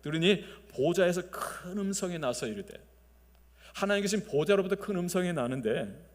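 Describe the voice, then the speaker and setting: A male pastor preaching a Sunday sermon, swinging between loud emphasis and soft, quiet phrases, and leading the congregation to repeat after him. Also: sits high, expressive, normal speed. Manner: leads the congregation in call-and-response. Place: large church sanctuary. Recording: long reverb of a church sanctuary.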